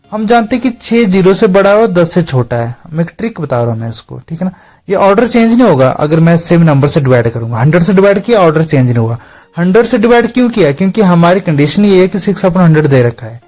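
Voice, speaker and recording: A man's voice: a little high, darkish tone. A man teaching a math lesson, explaining each step and checking in with his students again and again. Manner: repeats check-in tags to students.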